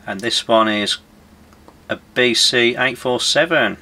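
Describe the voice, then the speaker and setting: Speaking slowly in a sharp, mid-range voice, a man in his forties demonstrates electronics repair at an indoor workbench. He talks casually through each step as he works, presenting it as a workshop video.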